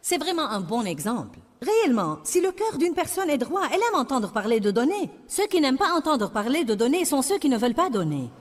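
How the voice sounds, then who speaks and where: A woman's voice: high-pitched, sing-song, a little fast, few pauses, in a large hall. A woman preaching a sermon in a French voice-over, with emphatic, repetitive declarations.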